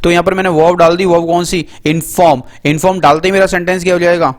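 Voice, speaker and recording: A man teaching English grammar in a casual lesson, often checking in with his listeners and reading example sentences slowly aloud. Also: sits high, steady tone. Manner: repeats "ठीक है" and "दोस्तों", reads English sentences slowly aloud.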